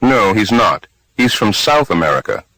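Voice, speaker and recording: A man's voice: on the low side, very animated, normal speed, bright, forceful tone, no room sound, low-quality recording. A man reading short answers in English course drills, with careful, evenly paced reading. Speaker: speaker B in language drills. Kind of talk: recorded language-course dialogue.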